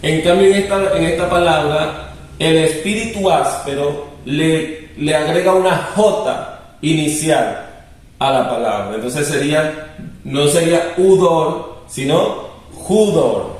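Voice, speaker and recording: A man's voice: fairly high pitch, measured pace. A man teaching a lesson, patiently explaining and repeating rules. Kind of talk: recorded classroom lesson. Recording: very echoey room, distant mic.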